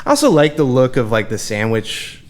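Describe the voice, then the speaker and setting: A man from Texas talking as a guest chef on a podcast, relaxed, with frequent laughs and fillers. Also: medium pitch, moderate pace. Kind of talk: casual podcast chat.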